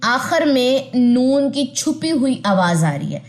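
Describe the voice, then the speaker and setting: A woman teaching an online tajweed lesson in a patient voice. She repeats her points, often checks that students follow, and draws out letter sounds slowly. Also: sits high, sing-song. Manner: slow, careful drawn-out pronunciation of letter sounds.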